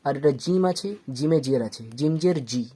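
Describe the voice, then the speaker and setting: Mellow patient Quran reading teacher. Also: medium pitch, fairly quick. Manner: spells letters syllable by syllable, drawing out long vowels; patient, repeats each step and checks understanding. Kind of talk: step-by-step spelling lesson.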